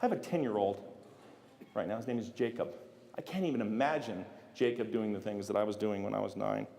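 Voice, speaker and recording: Animated man telling stories in a big hall. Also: lowish voice, a little fast, creaky. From United States (Las Vegas). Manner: animated storyteller, acting out scenes with sound effects. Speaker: keynote speaker. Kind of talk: motivational storytelling speech. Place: large hall. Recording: echoey hall with long reverb.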